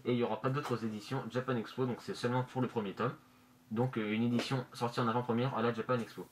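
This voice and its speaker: A man's voice: medium pitch, flat delivery. Guy doing a casual vlog thru a face mask, kinda muffled, searching for words, bit of background noise. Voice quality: slightly muffled, talking through a face mask. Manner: hesitant, halting, searching for words. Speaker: manga review vlogger. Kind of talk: casual unscripted presentation. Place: bedroom, indoors. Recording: noisy amateur room recording.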